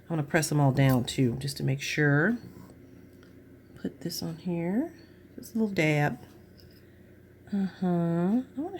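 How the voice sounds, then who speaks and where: A craft vlogger with a lowish, slightly mellow voice talks through a tutorial against slight background noise. She's chatty and effusive about her work, her voice falling to a murmur while she works.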